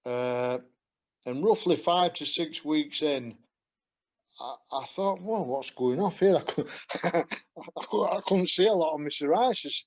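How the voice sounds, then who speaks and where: A man's voice: fairly high pitch, unhurried. A man with a Yorkshire accent on a video call, telling his story in a rambling, self-deprecating way with frequent chuckles. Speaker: guest giving a testimonial. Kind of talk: casual video call chat.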